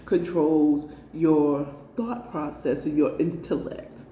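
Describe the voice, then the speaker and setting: She speaks slowly in a low, steady, dark voice, with the high frequencies cut off. An American tarot reader, she gives a casual spiritual card reading, coaxing emphatically, repeating herself, and checking in frequently. A distant mic in a roomy space picks up faint noise.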